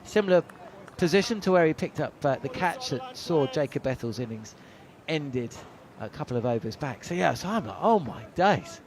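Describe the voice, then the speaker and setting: Brisk and expressive with hardly any pauses, a middle-aged man with a slightly high voice commentates on cricket ball by ball from a commentary box. He's chatty, weaving rambling anecdotes into play calls and saying "uh" often.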